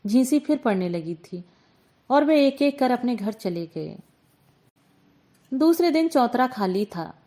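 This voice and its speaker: A woman storyteller reading a short story aloud in a calm, measured way. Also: mid-range voice. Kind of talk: scripted narration.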